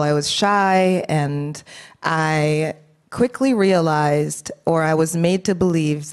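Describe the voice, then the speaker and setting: A woman from Haiti telling her life story on a panel in a deliberate, earnest way. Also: low voice.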